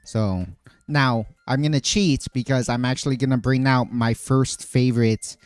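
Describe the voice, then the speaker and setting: A man's voice: mid-range voice, moderate pace, no room sound, faint music behind. A man streaming while making cocktails, chatting casually and rambling with many fillers and restarts. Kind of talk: casual chat.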